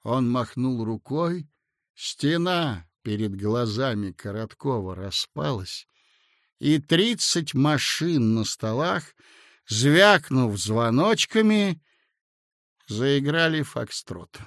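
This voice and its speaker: A man reading an audiobook in a measured, expressive narration. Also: medium pitch, dry recording, studio quality. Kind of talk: scripted narration.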